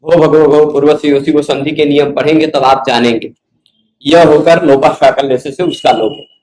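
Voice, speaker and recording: A man's voice: a little high, fairly even intonation, darkish tone, reverberant, rough recording. A man teaching Sanskrit grammar in a patient lecture, sounding out syllables one by one and checking that his students follow. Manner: patient, repeats syllables slowly, asks students questions. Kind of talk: explanatory lecture.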